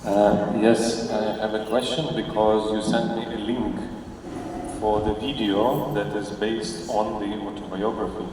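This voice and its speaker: A man from the audience asks his question in a low, level voice. He is far off the microphone in a reverberant hall. Background noise runs beneath him. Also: flat delivery, measured pace. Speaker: audience member asking a question. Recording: echoey hall, distant mic, background noise.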